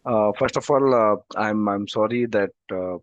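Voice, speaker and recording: Teaching an online database demo class with a throat infection, this Indian English-speaking instructor sounds unclear and proceeds slowly and haltingly, with lots of "uh" fillers. His voice is lowish. The audio comes through a computer mic on a video call and sounds dull and dry.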